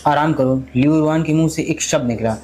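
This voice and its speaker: A man narrating a storybook recap in rapid, continuous storytelling with frequent restarts. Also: on the high side, darkish tone.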